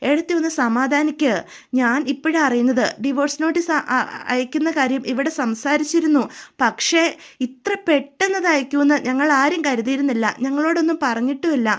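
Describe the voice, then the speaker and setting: A woman's voice: high-pitched, fairly quick, natural voice. A woman voicing a soothing young sister-in-law. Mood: reassuring. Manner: soothing, gently reasoning. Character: caring young sister-in-law, calm and reassuring.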